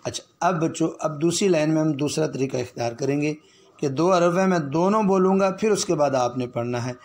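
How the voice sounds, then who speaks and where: A man's voice: a little high, a little mellow. Man teaching children letter sounds. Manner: slow, drawn-out letter sounds for children to repeat. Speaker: Quran reading teacher. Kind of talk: call-and-response phonics lesson.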